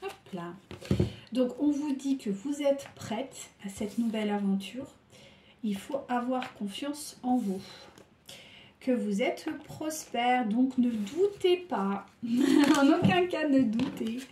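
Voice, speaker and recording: A woman's voice: a little high, expressive, slow, mellow, echoey room, a little hiss or hum. Feverish woman with a stuffy nose. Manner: hesitant, many fillers and restarts. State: feverish and tired. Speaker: tarot reader. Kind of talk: tarot reading to camera.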